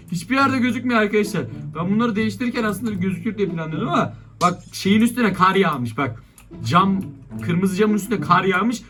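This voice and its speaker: A young Turkish-accented man talks through a Minecraft playthrough in a high, bright voice. He narrates his moves with lively energy and keeps erupting in exasperation at the monsters. Faint game music plays underneath. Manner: excitable, exasperated outbursts at attacking monsters. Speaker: gaming YouTuber. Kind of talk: Minecraft let's-play commentary.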